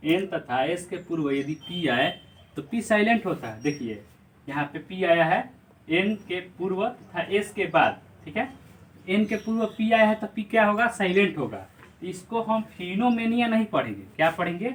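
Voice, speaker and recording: A man's voice: sits high, expressive, normal speed. A man teaching English pronunciation in Hindi, spelling words letter by letter and asking repeated quiz questions. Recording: slightly distant mic, faint background noise.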